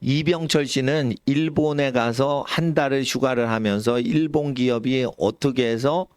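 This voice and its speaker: A middle-aged man preaching a sermon as pastor, animated, sometimes shouting and sometimes dropping his voice low. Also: moderate pace, smooth, dry recording, clean studio sound. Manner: animated, suddenly shouts or drops low, acts out quoted elders. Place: church sanctuary.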